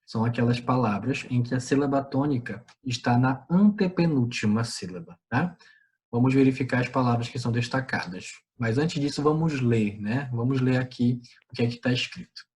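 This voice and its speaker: Brazilian male teacher, steady middle-pitched voice, poses questions and answers them. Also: normal speed, slight background noise. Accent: Brazilian Portuguese. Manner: didactic, asks and answers his own questions. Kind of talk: online class explanation.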